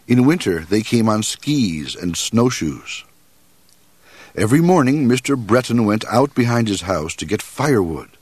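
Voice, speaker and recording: A man reading a children's storybook aloud in a measured, expressive way. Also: lowish voice, breathy edge, no echo.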